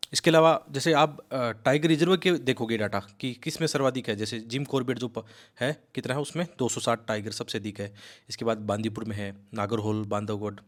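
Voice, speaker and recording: This civil service exam coaching teacher delivers a fast, emphatic explanatory lecture in a mid-range voice. He coaxes his students along and mixes English words into his speech.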